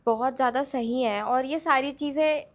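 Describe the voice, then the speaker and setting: A woman's voice: high voice, moderate pace. A woman in her twenties, a guest on a podcast, talking animatedly, laughing often and mixing English into her Hindi. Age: 20s. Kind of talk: casual interview chat.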